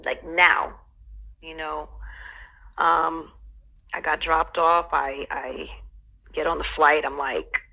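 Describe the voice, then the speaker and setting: Middle-aged woman, bright and edgy tone, storytelling guest with lots of fillers. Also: low-pitched, steady tone, takes it slowly, creaky, long pauses, rough recording. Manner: reflective, heavy with "you know" fillers. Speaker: interview guest. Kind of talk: casual storytelling interview.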